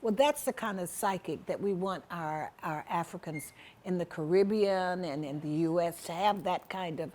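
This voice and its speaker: Low-voiced woman interview guest. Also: normal speed, a little mellow, slight background noise. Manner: conversational, emphatic. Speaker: guest, ambassador. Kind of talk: casual interview.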